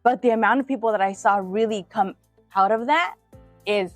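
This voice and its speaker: A woman in her thirties talks through her story in a relaxed, chatty interview and laughs often. She sounds dry and close to the mic, with no room around her. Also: medium pitch, moderate pace, no room sound, faint music behind. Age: 30s. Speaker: guest, teeth-whitening entrepreneur. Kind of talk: casual interview chat.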